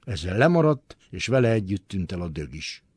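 A man giving a dramatic literary reading, expressive and swinging between hushed and forceful delivery. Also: low voice, husky, dry recording. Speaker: reader.

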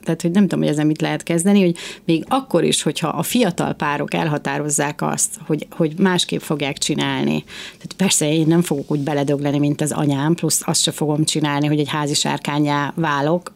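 A woman hosting a casual discussion, talking passionately and emphatically in quick bursts, a mother of two. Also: sits low, steady tone, gravelly.

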